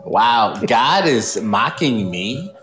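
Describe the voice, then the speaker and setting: Slow-talking man playing a tabletop game. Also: mid-range voice, sing-song, fairly bright tone, soft background music. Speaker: player.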